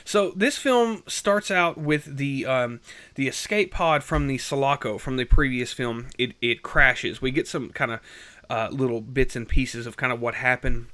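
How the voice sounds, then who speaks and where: Young male reviewer, bright voice, loose chatty delivery with many ums and restarts. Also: medium pitch, a little slow. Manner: rambling, lots of fillers and restarts. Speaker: film reviewer. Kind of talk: casual unscripted review.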